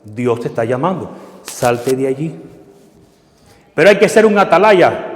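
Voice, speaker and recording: A man preaching a sermon, emphatic, asking questions of the congregation and answering them himself. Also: on the high side. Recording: echoey hall.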